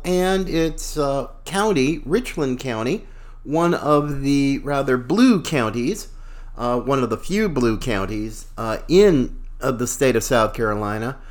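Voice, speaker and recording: A man hosting a talk show with casual, folksy, opinionated and slangy political commentary. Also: fairly high pitch.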